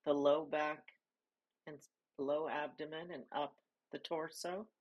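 In a low-pitched voice, a woman leads a guided body scan, pausing between soft, calm instructions. The audio sounds dull.

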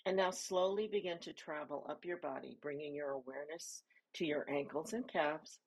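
A woman leading a guided body scan meditation, giving soft, calm instructions with pauses between phrases. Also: low voice, husky, low-quality recording.

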